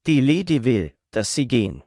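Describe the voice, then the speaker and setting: A man slowly repeating short German phrases several times over, as a language drill. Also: medium pitch, big pitch swings, warm tone, dry recording, clean studio sound. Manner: slow, clearly spaced repetition of each phrase.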